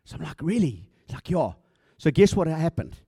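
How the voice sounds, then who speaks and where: A middle-aged male pastor preaching in a relaxed, conversational way, playing out little back-and-forth exchanges and tripping over his words now and then. His voice is mellow and dark, recorded close and dry with almost no room sound. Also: fairly high pitch, fast talker, no echo. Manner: conversational preaching, acts out dialogue, stumbles and repeats words. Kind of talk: sermon.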